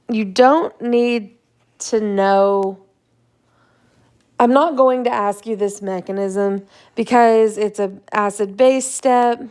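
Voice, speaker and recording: A woman's voice: medium pitch, a little mellow, clean tone. A young woman who is a chemistry instructor, giving a casual recorded lecture over slides, a bit tired and yawning, with fillers and checks like "right?".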